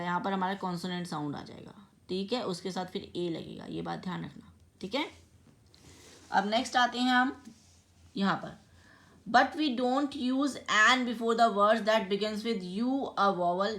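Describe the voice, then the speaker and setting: A woman's voice: mid-range voice, sharp tone. Woman teacher spelling out letters. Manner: explains slowly, spells words out letter by letter, often checks with "theek hai". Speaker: English teacher. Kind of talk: classroom grammar lesson.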